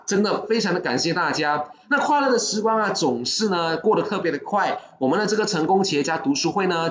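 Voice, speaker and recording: A livestream host, pitching a book club membership in an upbeat, urging way and taking viewer questions, with English words mixed in. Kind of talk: live-stream sales pitch and Q&A. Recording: echoey room.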